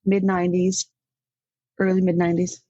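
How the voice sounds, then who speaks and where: A woman's voice: fairly low pitch, completely flat delivery, normal speed, warm tone, no room sound, muffled recording. A middle-aged woman from Denmark, a country music artist, chatting animatedly in an interview and laughing often. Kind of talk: casual interview talk.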